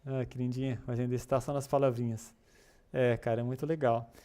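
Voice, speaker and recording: Chatty man with a mellow voice. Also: mid-range voice, little pitch movement, brisk. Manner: chatty, encouraging, many filler tags and restarts. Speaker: English class host for a developer community. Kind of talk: casual live-stream lesson reading chat comments.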